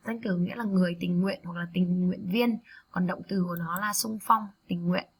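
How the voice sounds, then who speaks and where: Gravelly-voiced woman drilling English words. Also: fairly low pitch, steady tone. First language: Vietnamese. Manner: repeats words slowly for students to echo, then explains quickly. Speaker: English teacher. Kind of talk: vocabulary lesson with repetition drills.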